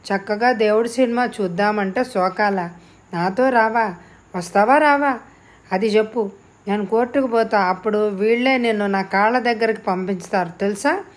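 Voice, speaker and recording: A woman's voice: mid-range voice, normal speed, close to an everyday voice. A woman voicing a domineering, bullying father who scolds and barks orders in an audiobook. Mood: angry. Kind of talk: audiobook character reading.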